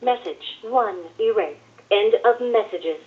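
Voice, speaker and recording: Play a woman's recorded answering machine prompt, heard through the speaker of a landline phone. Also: fairly high pitch. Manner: slow, evenly spaced, announcing. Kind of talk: recorded device announcement. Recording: tinny phone-line sound from a device speaker.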